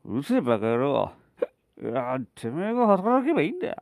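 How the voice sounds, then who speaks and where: A man puts on a loud, abusive drunk of a father for a spoken story. The voice is gravelly and bellowing, with wild leaps in pitch. It sounds dry and close. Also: wildly swooping pitch, fairly quick, no echo, exaggerated voice. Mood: blustering. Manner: bellowing rough threats.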